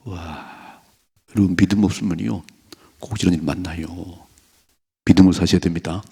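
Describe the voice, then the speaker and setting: A middle-aged man preaching at dawn in a church, his low voice gravelly and husky. He presses his points hard and acts out the scripture's dialogue in a raised voice. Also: steady tone, moderate pace, mellow. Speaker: pastor. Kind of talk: early morning sermon. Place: church sanctuary.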